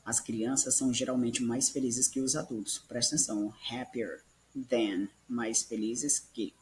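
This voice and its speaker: A man's voice: medium pitch, steady tone, measured pace, a little mellow, slight background noise. A man teaching English grammar in a recorded lesson, patiently repeating examples and checking in with listeners.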